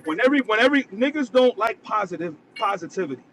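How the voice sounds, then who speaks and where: A man's voice: high voice, expressive, fast, fairly bright tone. A man calling in from his car, talking over a phone line, who argues insistently and repeats himself to keep the floor. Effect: phone call from a moving car. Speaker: call-in guest. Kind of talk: heated podcast debate. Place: driving in a car. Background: vehicle noise.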